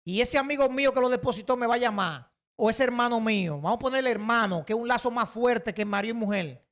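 A man's voice: very high voice, fast, fairly bright tone. Indignant Dominican man ranting. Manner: indignant, emphatic, repeats himself. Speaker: online commentator. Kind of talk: heated opinion commentary.

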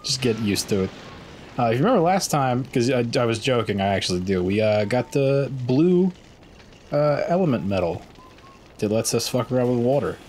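A man's voice: medium pitch, animated, normal speed, darkish tone, a little hiss or hum. A man hosting a let's play, rambling loosely and swearing a lot in sleepy, stoned gameplay commentary. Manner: rambling, loose and heavily profane.

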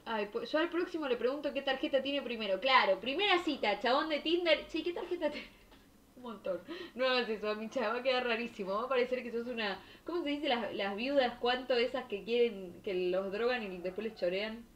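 Expressive young Argentine woman streamer. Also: on the high side, fairly quick, hardly any pauses, a little hiss or hum. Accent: Rioplatense Spanish. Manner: expressive, slangy, laughing and exclaiming. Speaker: streamer reading viewer stories. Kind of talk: casual chat reacting to stories.

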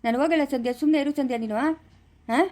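A woman playing a young husband who defends himself with rapid pleading explanations. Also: high voice, a little mellow, lightly acted. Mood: defensive, reassuring. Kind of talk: amateur family drama acting.

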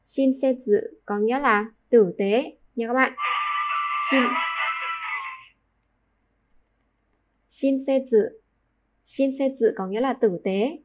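A young woman teaching a kanji lesson, patiently repeating each word and asking the class to confirm. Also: a little high. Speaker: Japanese teacher.

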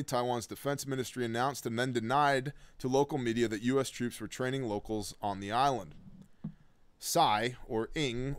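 A middle-aged man with a medium-pitched voice hosts a preparedness show, reading news articles aloud and interrupting them with blunt, sarcastic remarks. His sardonic asides fall between the read passages. It was recorded on a desk webcam, with no room sound.

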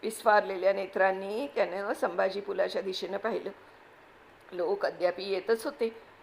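A woman reads a story aloud with steady, expressive pacing. Her voice has a gravelly, creaky texture at a middle pitch, over a faint background hiss. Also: moderate pace. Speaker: narrator. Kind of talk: storybook reading.

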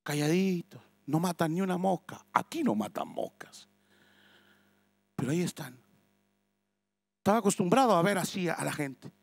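Pastor guy preaching, kinda high voice, swings from loud cries to quiet asides. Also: animated, normal speed, gravelly, pauses often, dry recording, faint music behind. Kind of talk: sermon. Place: church family retreat hall.

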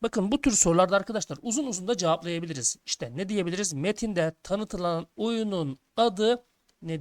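A man teaching a schoolbook lesson for children, reading each task aloud and then explaining it to his young listeners. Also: high-pitched. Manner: addresses listeners as friends, reads tasks aloud then explains.

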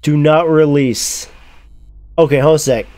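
A man's voice: on the high side, steady tone, normal speed, a little mellow. A man commentating a game in a crude, laughing, exasperated way while reading out game text. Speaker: gaming YouTuber. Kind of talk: let's-play commentary.

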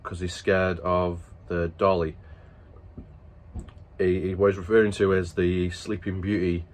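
A man's voice: sits low, flat delivery, measured pace. A man casually telling a family story to camera, rambling and stop-start, breaking into laughter. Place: at work after dinner.

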